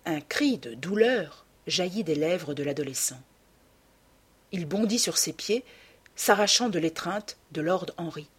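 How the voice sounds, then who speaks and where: A woman narrating a classic novel as an audiobook, in a measured literary reading with a husky voice. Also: lowish voice, expressive. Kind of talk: scripted narration.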